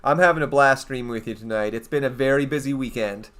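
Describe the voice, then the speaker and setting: A young man from eastern Canada with a Canadian accent rambles casually on his game livestream, answering his viewers. His voice is medium-pitched, a bit bright and quick.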